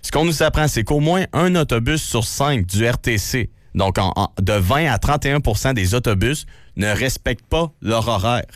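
Young Québécois man with a deep bass voice. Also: expressive, normal speed, dry recording, studio quality. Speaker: radio news reporter. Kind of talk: casual radio chat.

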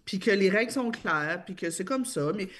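A woman's voice: medium pitch, lively intonation, moderate pace, crowd noise. A woman with a Québécois accent explaining her views on parenting in a casual discussion, emphatic, with many fillers and restarts. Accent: Québécois French. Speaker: parenting speaker.

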